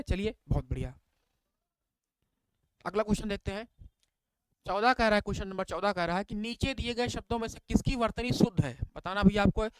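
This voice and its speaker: A man runs an online exam-prep class in a high-pitched, clear voice with a resonant tone and no echo. He reads spelling questions and their options aloud, keeps asking "what is it?", praises viewers by name, and calls them bhaiya.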